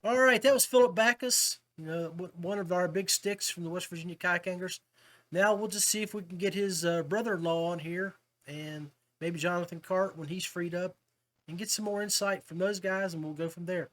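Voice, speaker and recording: With a high-pitched, somewhat bright voice at a moderate pace, this American fishing podcast host keeps things casual. He's chummy and appreciative toward his guests as they chat.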